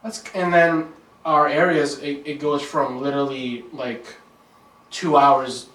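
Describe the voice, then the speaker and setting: A man from Maryland, a guest on a podcast, speaking in a relaxed, loose way with many fillers. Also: medium pitch, takes it slowly, echoey room, far from the mic, low-quality recording. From Maryland, USA. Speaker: podcast guest, remodeling business owner. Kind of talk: casual interview chat.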